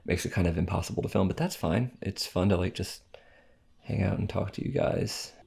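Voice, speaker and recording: A man's voice: low voice, fairly quick, vocal fry, darkish tone, breathy edge. A man hosting a home eating video, chatting casually and joking in rambling asides. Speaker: mukbang host. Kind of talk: casual chat while eating on camera.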